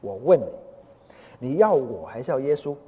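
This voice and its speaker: A man's voice: medium pitch, very animated, moderate pace, mellow, breathy edge. A man voicing a domineering middle-aged husband who bullies his wife with ultimatums, heard in a reverberant hall. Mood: demanding. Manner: bullying, demanding.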